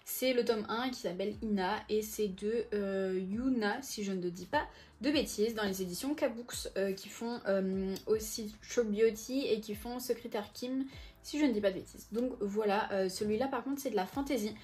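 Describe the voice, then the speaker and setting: A young woman in her twenties talks through her latest book haul in a loose, chatty way. She often stops to hesitate and corrects herself mid-sentence, and her pitch sits in an ordinary middle range. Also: normal speed, a little mellow. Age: 20s. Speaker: book vlogger. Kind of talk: casual book haul chat.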